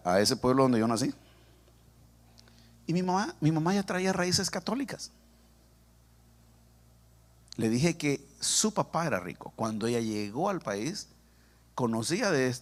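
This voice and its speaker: A man from El Salvador with a Salvadoran accent, a pastor preaching and telling his own story to the congregation with humor. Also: mid-range voice. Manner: humorous, animated, addresses the congregation directly. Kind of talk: sermon with personal testimony. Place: church sanctuary.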